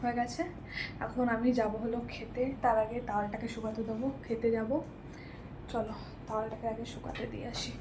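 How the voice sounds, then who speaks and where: A woman's voice: on the high side, flat delivery, brisk. Chatty young woman vlogging at home. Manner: chatty, explains each step as she goes. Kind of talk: casual vlog narration. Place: at home, kitchen and bedroom. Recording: roomy home room with household noise.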